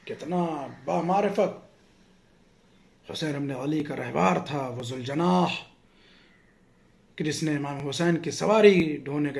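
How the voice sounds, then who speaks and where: A man's voice: on the high side, vocal fry. A male preacher giving a sermon, telling a martyrdom story in a mournful, chanting way that swells and falls.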